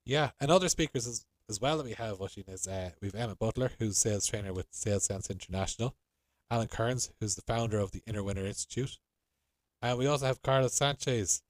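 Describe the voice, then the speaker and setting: A man's voice: fairly low pitch, brisk, dry recording. A middle-aged man with a west of Ireland accent, talking conversationally as a podcast co-host. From Galway, Ireland. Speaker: podcast co-host, hotel sales professional.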